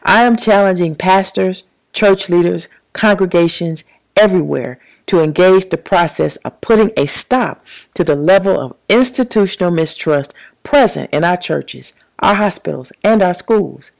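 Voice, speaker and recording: Gravelly-voiced woman minister's commentary. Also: fairly low pitch, low-quality recording. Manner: measured, preacherly emphasis. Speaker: co-host in ministry. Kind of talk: prepared commentary, read aloud.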